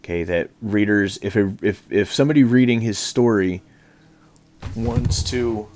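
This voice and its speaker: A man with a fairly low voice gives a relaxed, rambling lecture from his home, full of fillers and restarts. The sound is dry and close, with no room echo. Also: measured pace. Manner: casual, chatty, with many fillers and restarts. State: out of breath. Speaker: teacher. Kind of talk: recorded online lecture.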